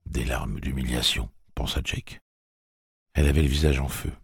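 A man narrating an audiobook in a measured, steady storytelling manner. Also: rumbling low, vocal fry, slightly rough, no echo, studio quality.

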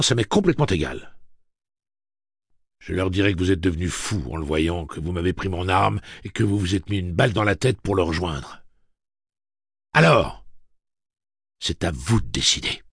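A man's voice: low-pitched, vocal fry, a bit bright, breathy edge, no room sound, studio quality, heavily acted. A man voicing a hard gunslinger who issues cold, stern threats.

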